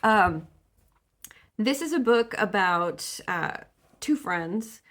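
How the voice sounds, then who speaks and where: A woman's voice: mid-range voice, lively intonation, extremely slow, a bit bright. A woman chatting casually about books she has been reading, with many fillers, restarts and frequent laughs. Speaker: book vlogger. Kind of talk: casual book chat.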